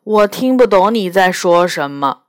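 A woman doing a gruff horned dragon beast. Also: lowish voice, expressive, a little slow, dry recording, studio quality, pitched below the performer's own voice. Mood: scornful. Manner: blunt, scoffing. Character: gruff male dragon-bodied bull-horned palace beast, proud. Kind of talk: storybook reading.

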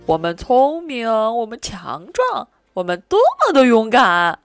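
A woman reading a children's storybook, voicing a boastful young male anteater big brother who scolds and shouts. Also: on the high side, sing-song, unhurried, pitched above the performer's own voice.

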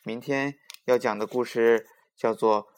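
A man narrating a children's story in a gentle, expressive storytelling voice. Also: medium pitch, measured pace, smooth.

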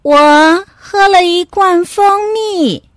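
A cheeky little puppy brother, impatient and whiny, squeaking high above the storyteller's usual voice, as a woman puts him on. Each word is clipped and snappy, in a dry, close storybook reading. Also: very slow, no room sound, heavily acted. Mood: carefree.

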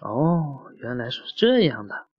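A man's voice: mid-range voice, big pitch swings, measured pace. A man reading a children's story aloud in a plain way, with small slips and self-corrections. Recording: muffled lo-fi recording.

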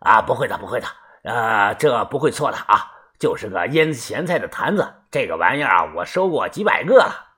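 A man's voice: fairly low pitch, very animated, fairly quick, few pauses, bright, forceful tone, slightly rough, voice pushed down, exaggerated voice. A man voicing a pushy, chain-smoking junk dealer in his thirties, haggling dismissively in a storybook reading.

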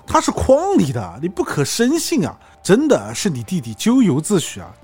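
A man's voice: high-pitched, wildly swooping pitch, normal speed, darkish tone, husky, faint music behind, heavily acted. A man reading the lines of a stern old immortal teacher who scolds his pupil. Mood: admonishing. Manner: scolding, admonishing.

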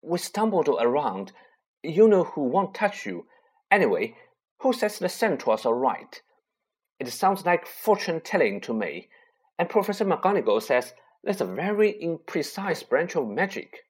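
A clever young schoolgirl from a storybook, voiced by a man pitching his voice up, who speaks in a brisk, bouncing, reassuring way. Her voice rises and falls a lot and has a slight husk. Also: slightly rough. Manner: brisk, reassuring, lively delivery. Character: clever, anxious schoolgirl, about eleven.

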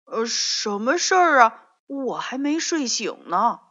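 A stubborn young frog boy from a storybook, as a woman puts him on, loud and high with a bright, lively voice. The recording sounds dull and lo-fi. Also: slow pace, full character voice. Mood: sleepy.

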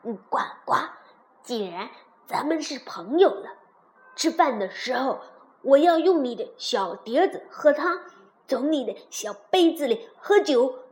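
A woman voicing a small, sly male frog who croaks between his pleading phrases in a storybook. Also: high-pitched, animated, measured pace, a little mellow. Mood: coaxing.

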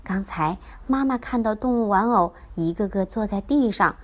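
A woman voicing a gentle, caring mother in a children's story. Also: mid-range voice, normal speed, lightly acted. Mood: apologetic.

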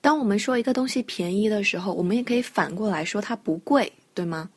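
A woman teaching English vocabulary in a podcast lesson, explaining and spelling out words patiently and clearly. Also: mid-range voice, quick pace, no room sound.

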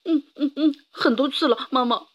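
A woman's voice: high voice, normal speed, highs cut off, close to an everyday voice. A woman voicing a huge, mean male giant in a storybook, bellowing boasts. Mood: whimpering.

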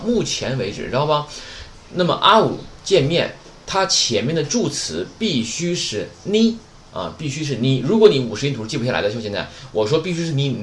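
Here a man with a mid-range, slightly bright voice runs a Japanese vocabulary lesson, keeping it chatty and jokey with plenty of rhetorical questions. Faint background noise and a roomy echo are audible.

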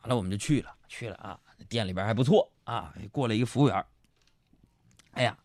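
A man, a radio host telling comic stories in a lively way with asides to his listeners. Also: lowish voice, dry recording. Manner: lively storytelling with quick jokes and asides to listeners. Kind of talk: comic monologue.

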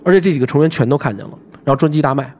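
A man hosting a podcast, telling ghost stories as an animated storyteller with lots of fillers, in a small recording room. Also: on the high side, very fast, a little hiss or hum. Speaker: podcast host.

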